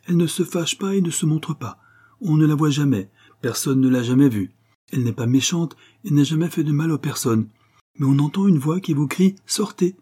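A man reading aloud, voicing a simple, superstitious coachman who speaks earnestly and respectfully, in a raised, husky voice. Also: on the high side, expressive, fairly quick, mellow, voice pushed up. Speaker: postillion.

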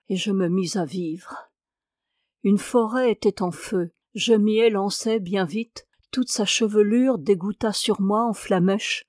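A woman voicing a cursed ancient wandering man, raging and despairing, in a slow, grave declamation. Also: mid-range voice, darkish tone, dry recording, studio quality, close to an everyday voice.

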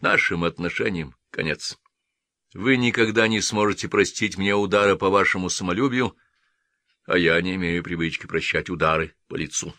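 A man's voice: sits low, moderate pace, dry recording. A man voicing a composed officer who speaks coldly and steadily in an audiobook. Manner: cold and steady. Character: calm, composed male officer, quietly happy.

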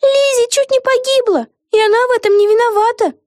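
Brief: earnest young witch girl, very high and lively, read by a woman. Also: normal speed, dry recording, clean studio sound.

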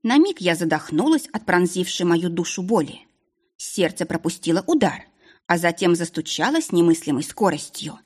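A woman narrating a fantasy audiobook in a steady, measured storytelling voice. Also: lowish voice, slightly rough.

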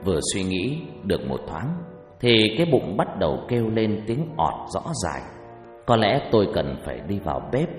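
Male storyteller, mid pitch, lively dramatic narration, echoey room, faint music bed. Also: moderate pace. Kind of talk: scripted first-person ghost story narration.

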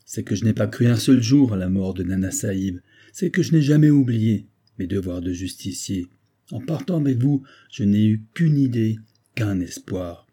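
A man voicing a grave, vengeful retired colonel with a husky voice, speaking in solemn, insistent declamation. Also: lowish voice, moderate pace, dark tone. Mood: stern resolve.

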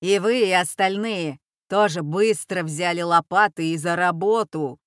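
A woman's voice: on the low side, a little slow, dry recording, studio quality, natural voice. A woman voicing a harsh, bossy old woman who leads a gang and barks orders. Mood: commanding. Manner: barking orders, shouting. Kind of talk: audiobook character voice.

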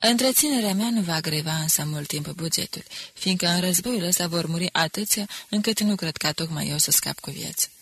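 A woman's voice: on the low side, fairly bright tone, breathy edge, no room sound. A woman reading a wry, bitter young soldier. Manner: wry, ironic.

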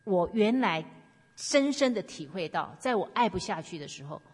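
A woman's voice: medium pitch, very animated, normal speed, slightly rough. A woman preaching earnestly, sharing testimony and urging her listeners on. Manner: earnest, exhorting. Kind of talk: sermon with personal testimony. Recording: long hall reverb.

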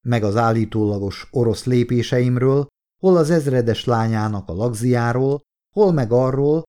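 Male audiobook narrator, measured and steady, warm dark timbre. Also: medium pitch.

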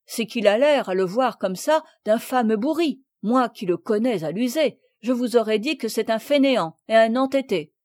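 A woman's voice: fairly high pitch, lively intonation, normal speed, hardly any pauses, darkish tone, no room sound, studio quality, close to an everyday voice. A woman doing an earnest country boy. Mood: earnest, consoling. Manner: country speech, dropping words, earnest. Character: rustic peasant boy, kindly and talkative.

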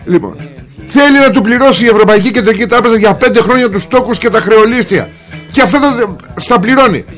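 A man's voice: very high-pitched, a bit bright, soft background music. A male radio host delivering a mocking, combative political monologue, speaking straight to his listeners. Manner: mocking, combative rant with rising indignation.

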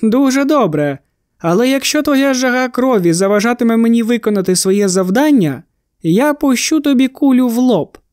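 A man's voice: very high-pitched, expressive, moderate pace, a little mellow, dry recording, studio quality. A man voicing a cheerful, cocky male monster hunter in an audiobook, mocking and commanding. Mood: cool mocking. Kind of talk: audiobook character voice.

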